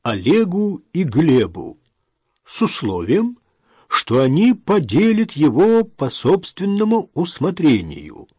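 A man performs a stern, pompous older notary reading a will for an audiobook. The reading is slow and solemn, pitched a little high and spoken loudly. The sound is dry and close. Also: wildly swooping pitch, slightly rough, no echo, heavily acted. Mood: solemn formal.

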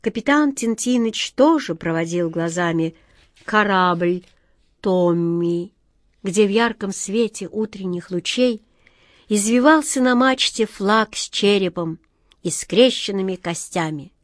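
A woman narrating a fairy tale in an expressive storybook reading. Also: medium pitch, a little slow, no room sound. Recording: dry close recording.

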